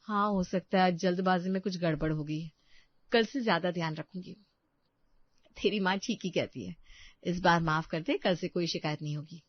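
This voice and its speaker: Gentle patient older sister-in-law in a cartoon, woman voicing her, flat dull audio. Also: on the low side, normal speed, no room sound, natural voice. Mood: soothing. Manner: soft, patient, soothing. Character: calm gentle elder sister-in-law Kamla.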